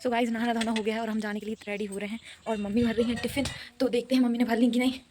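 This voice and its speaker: A woman's voice: fairly high pitch, little pitch movement, very fast, darkish tone, a little hiss or hum. A young woman chatting playfully in a casual daily vlog, laughing often, recorded outdoors on a handheld phone. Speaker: vlogger. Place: outdoors at home and by a road.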